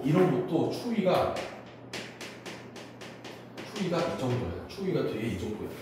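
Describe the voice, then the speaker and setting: Male teacher, lively lecture voice, quizzes and answers himself, mellow tone, far-off echoey room. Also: a little high, a little hiss or hum. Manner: animated, asks and answers his own questions. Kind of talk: classroom lecture. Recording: distant echoey classroom recording.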